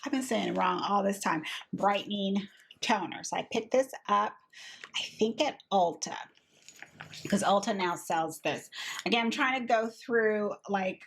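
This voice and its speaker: A woman in her thirties, a beauty vlogger, chatting casually and candidly about products she has used up, with a husky voice. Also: mid-range voice, measured pace, slight background noise. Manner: chatty, candid, frequent fillers and restarts. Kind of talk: casual product review chat.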